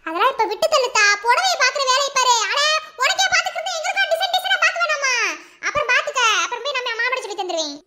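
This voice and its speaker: Cartoon aunt, Madurai accent, shrill and bright, preachy and fond, voiced by a woman. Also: big pitch swings, very fast, full character voice. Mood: coaxing. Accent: Madurai Tamil. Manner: long preachy advice, coaxing questions. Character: motherly middle-aged aunt, lecturing and fond. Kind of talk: cartoon voice acting.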